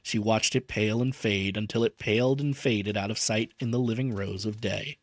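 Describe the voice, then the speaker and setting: A man reading a novel aloud as a streamer, gentle and emotional, pausing to chat about the story. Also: on the low side, steady tone, dry recording, studio quality. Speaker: vtuber book reader.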